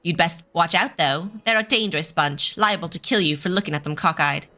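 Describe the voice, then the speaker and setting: A woman's voice: fairly low pitch, a little fast, sharp tone. A woman voicing a plain-spoken, gossipy townsperson from a game in a folksy, informal manner. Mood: gossipy, warning.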